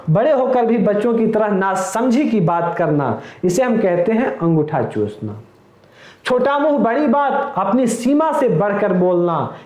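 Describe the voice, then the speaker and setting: A man's voice: high-pitched, echoey room. A man teaching an exam-prep lesson, explaining each idiom with everyday example sentences and calling his viewers friends. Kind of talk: recorded lecture.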